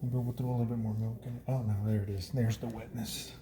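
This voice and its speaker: This casual cooking host has a mid-range voice that barely shifts in pitch, and he talks quickly. He wanders off topic and corrects his slips with a chuckle, recorded in an echoey home kitchen where background noise is plainly audible.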